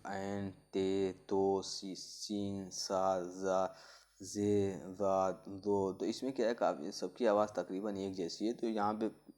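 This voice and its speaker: Man, teacher, exam-prep lecture, fairly low voice, hesitant fillers, spells out letter sounds. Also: darkish tone. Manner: explains slowly with many fillers and restarts. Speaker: Urdu pedagogy teacher.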